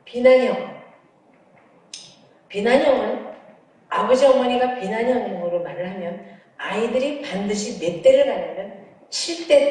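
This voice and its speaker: A middle-aged woman professor giving a lively lecture, telling funny stories and acting out dialogues. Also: fairly high pitch. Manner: animated, humorous storytelling that acts out dialogues. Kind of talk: lively lecture with acted anecdotes. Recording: echoey hall from far off.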